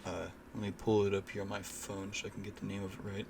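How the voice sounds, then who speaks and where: A man's voice: lowish voice, monotone, fast talker, creaky, noisy background. A young man ranting casually and indignantly in a vlog, swearing freely and using lots of fillers. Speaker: vlogger.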